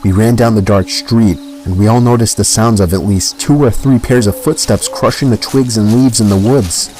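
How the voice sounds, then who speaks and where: A man with a fairly low voice tells a first-person horror story in an unhurried, measured way. Quiet music plays faintly under his narration. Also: rough recording.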